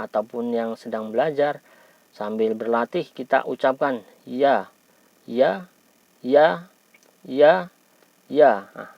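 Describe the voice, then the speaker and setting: A lower-voiced man with an Indonesian accent gives an instructional lesson. He over-enunciates each key sound with deliberate care, patiently encouraging the learner. There is noticeable creak in his voice, and the recording is dry and slightly dull. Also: no echo. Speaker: Quran recitation teacher.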